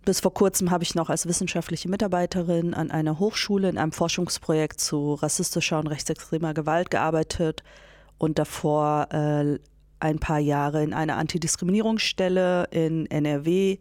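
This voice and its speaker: A woman's voice: low voice, fairly even intonation, moderate pace, darkish tone, no echo, clean studio sound. A woman introducing herself as an interview guest in a composed, matter-of-fact way. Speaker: guest, educator.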